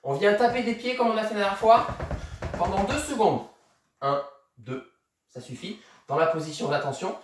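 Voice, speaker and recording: A man's voice: sits high, animated, normal speed, long pauses, slight background noise. Male tennis coach, upbeat rep-counting instructor, heard from a distance in a reverberant room. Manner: counting reps aloud, encouraging; moving while talking, demonstrating exercises. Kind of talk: instructing a kids' home tennis workout.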